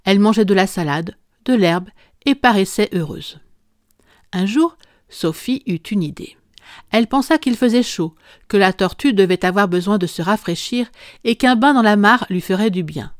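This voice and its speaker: A woman narrating a classic children's book aloud in a calm, even storytelling manner. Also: medium pitch, moderate pace, no echo, clean studio sound. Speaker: audiobook narrator. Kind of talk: scripted narration.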